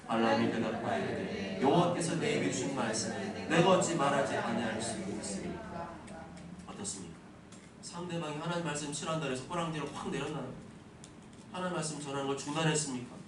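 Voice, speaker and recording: A man preaching an expository sermon as pastor, swinging from soft asides to loud emphatic declarations. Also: high voice, echoey room, distant mic, slight background noise, low-quality recording. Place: church sanctuary.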